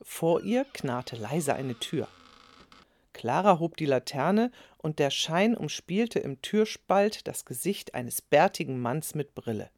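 Low-voiced lively storybook narrator, woman. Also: slow pace, dry recording. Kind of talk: storybook reading.

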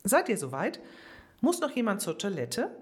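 A woman's voice: medium pitch, huge pitch swings, normal speed, pitched above the performer's own voice. A woman voicing a cheerful, slightly flustered female leader of a children's theatre group, in a German storybook reading. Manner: bright, flustered, sing-song.

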